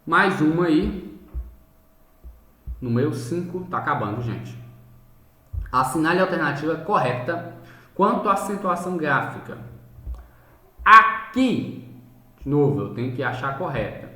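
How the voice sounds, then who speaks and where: Man, teacher, unhurried explanation, keeps checking in with viewers, echoey room sound. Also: a little high, pushed and bright. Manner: explanatory, repeats "tá?" and "gente" to check in. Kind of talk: recorded video lesson, solving exercises.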